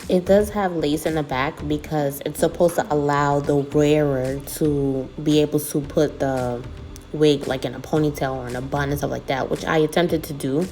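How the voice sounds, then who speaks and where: A woman's voice: low-pitched, mellow. A woman in her thirties talking casually through a wig review, chatty and self-deprecating. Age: 30s. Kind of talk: casual product review vlog.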